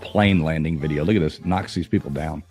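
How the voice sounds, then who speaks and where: A man co-hosts a live-stream trivia night in a laid-back manner, chatting casually and greeting viewers by name. His rumbling low voice is husky and darkish, fairly quick, with faint music behind him.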